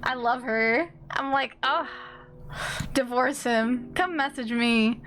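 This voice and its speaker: A woman's voice: on the high side, takes it slowly, a bit bright, a little hiss or hum. A woman livestream host chatting casually in a cute, bubbly, effusive anime-streamer manner.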